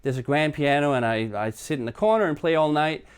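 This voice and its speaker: A man's voice: fairly high pitch, a little fast, clear, resonant tone. Chatty man live-streaming. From Denmark. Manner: chatty, rambling, self-deprecating. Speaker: live stream host and musician. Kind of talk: casual live stream chat. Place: his own apartment.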